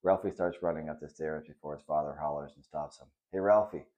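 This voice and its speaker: A man calmly and gently reading aloud his own children's story. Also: extremely low pitch, quick pace, lo-fi sound. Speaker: author reading his book.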